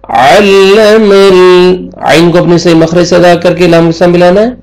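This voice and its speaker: A man with a Pakistani Urdu accent teaching Quran recitation, drawing out the verses slowly between quicker spoken explanations. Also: high-pitched, monotone, a little mellow, poor audio. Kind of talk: recitation lesson with slow chanted verses.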